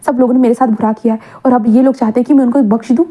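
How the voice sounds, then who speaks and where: A woman voicing an enraged, vengeful male spirit who insists loudly and repeats his threats. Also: on the high side, steady tone, rapid-fire, close to an everyday voice. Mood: raging. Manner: shouting, insistent. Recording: tinny phone-like audio.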